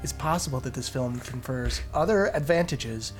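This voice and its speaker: A man's voice: medium pitch, moderate pace, soft background music. A man hosting a casual podcast, reading a post aloud with sarcastic asides and frequent laughter.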